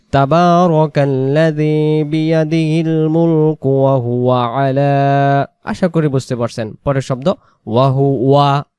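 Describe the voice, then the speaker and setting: A man teaching tajweed, slowly repeating each word and then explaining the rules in quick, patient asides. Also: fairly high pitch, darkish tone, dry recording. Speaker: Quran recitation teacher. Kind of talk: tajweed lesson, word-by-word drilling.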